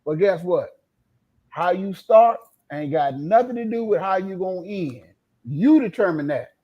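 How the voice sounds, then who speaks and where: A man's voice: sits high, lively intonation, measured pace, dark tone. A man from North Carolina, a guest in a casual interview, telling stories in a boastful, humorous way. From North Carolina, United States. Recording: dull lo-fi audio.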